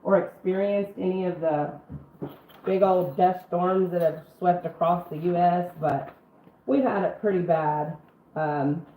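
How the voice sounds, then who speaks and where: A middle-aged woman hosts a live home cooking stream, chatting in a folksy way and addressing viewers by name. She has been sick for two weeks, so her fairly low, dark voice is rough and congested, and she clears her throat; she speaks unhurriedly. The stream sounds roomy and band-limited like a phone, with faint noise.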